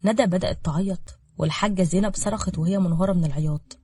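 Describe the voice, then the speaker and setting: A woman's voice: fairly low pitch, fast, darkish tone, breathy edge, dry recording. A woman with an Egyptian Arabic accent narrating a dramatic village story and voicing its characters. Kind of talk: scripted narration with acted dialogue.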